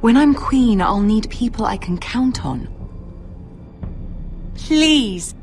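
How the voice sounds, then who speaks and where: Poised, slow-spoken young noble lady. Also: a little high, animated, a little mellow, faint music behind. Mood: grave. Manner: formal, measured, imperious. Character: poised, commanding young noble lady, betrothed future queen. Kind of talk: dramatic video game acting.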